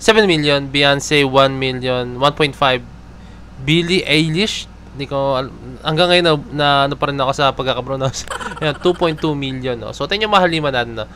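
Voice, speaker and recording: A man's voice: mid-range voice, brisk, pushed and bright, a little hiss or hum. A man with a Filipino accent hosting casual fan commentary, chatty and peppering his sentences with filler tags.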